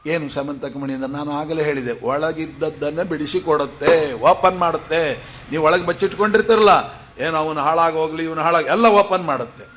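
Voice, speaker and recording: A man's voice: on the high side, fairly quick, a bit bright, slight background noise. A man with a Kannada accent giving a devotional scripture discourse, putting questions to his listeners and answering them himself, now and then chanting verses. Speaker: scripture lecturer.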